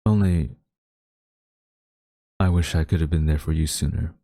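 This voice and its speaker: In this dramatic audio roleplay, a haughty male official who is secretly tender toward a captured villain addresses the listener in an earnest, gentle mood. The voice is very low, dark and mellow, with fairly even intonation, captured up close in a dry recording with no room sound. He chooses his words deliberately, in formal, theatrical phrases, as in an intimate audio drama.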